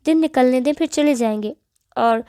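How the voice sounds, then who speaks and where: A woman's voice: high voice, lightly acted. A woman reading a caring, firm young wife. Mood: gentle. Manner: gentle but firm.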